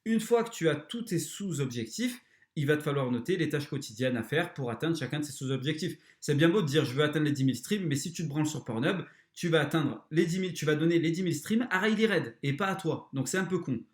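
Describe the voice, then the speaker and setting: Brief: male podcast host, slightly high voice, blunt and crude motivational talk, echoey room. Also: lively intonation, quick pace. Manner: blunt, crude, talks straight to the listener. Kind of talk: motivational self-help talk.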